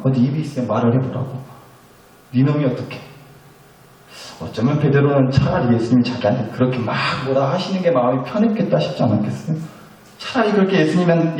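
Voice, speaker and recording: Brief: a male pastor, lively sermon delivery, rather high voice, heavy echo. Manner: animated storytelling with acted quotes. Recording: very echoey room, distant mic.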